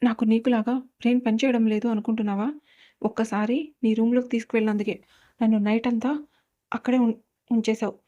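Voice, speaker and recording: Woman reader doing a gruff young husband: curt scolding orders, level and dark-toned. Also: on the high side, little pitch movement, quick pace, highs cut off, close to an everyday voice. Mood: stern. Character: stern bossy young man, commanding husband.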